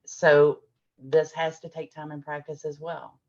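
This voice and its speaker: A woman's voice: low-pitched, flat delivery, a little slow, lo-fi sound. A middle-aged woman presenting a parenting workshop, explaining with patient examples and acting out what adults and children say. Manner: warm explanatory, acts out adult and child lines.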